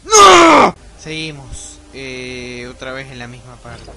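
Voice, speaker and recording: A young man with an Argentine accent giving casual, profane let's-play commentary, yelping and shouting at the game. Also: mid-range voice, steady tone, takes it slowly, very noisy. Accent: Argentine Spanish.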